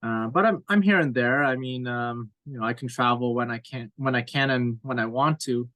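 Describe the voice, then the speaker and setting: A man's voice: medium pitch, moderate pace, bright, forceful tone, dry recording, rough recording. A man in his thirties from Cape Breton Island, telling his story as a podcast guest in a candid, rambling, self-deprecating way with plenty of fillers. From Cape Breton Island, Nova Scotia, Canada. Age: 30s. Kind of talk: casual interview chat.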